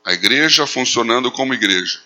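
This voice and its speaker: A man's voice: medium pitch, lively intonation, fairly quick, sharp tone. A man preaching a sermon, animating his points with acted quotes. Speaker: pastor.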